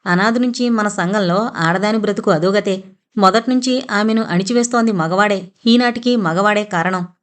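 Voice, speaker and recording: A woman's voice: mid-range voice, normal speed, close to an everyday voice. Heated young man arguing hard, as a woman narrator reads him. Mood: angry.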